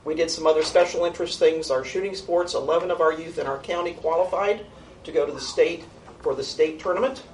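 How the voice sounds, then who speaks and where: In a brisk, conversational manner full of ums and restarts, a low-voiced woman who coordinates a youth program delivers an informal annual report to a board. Faint noise surrounds her on a distant meeting-room mic.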